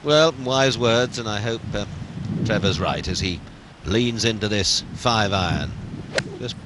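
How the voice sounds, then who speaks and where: A man giving golf commentary on a televised match, wryly savouring each shot with colourful phrasing. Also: measured pace. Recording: very noisy outdoor broadcast, wind and traffic-like rumble. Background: outdoor golf course ambience.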